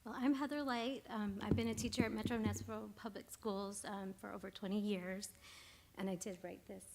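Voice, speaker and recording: A soft-spoken middle-aged woman, a teacher and congregation member, reads a personal essay aloud in a synagogue sanctuary. Her mid-range voice keeps fairly even intonation, her measured reading drops to near whispers, and there is heavy background noise.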